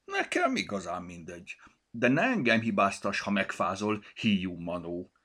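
A man voicing a cheeky male talking coat button in a children's storybook, teasing and quick to take offense. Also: fairly low pitch, big pitch swings, a bit bright. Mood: huffy. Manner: teasing, touchy.

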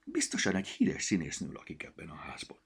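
A man's voice: a bass voice, huge pitch swings, gravelly, breathy edge, exaggerated voice. A man voicing a fussy, busy little male elf who chatters and grumbles to himself. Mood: lively.

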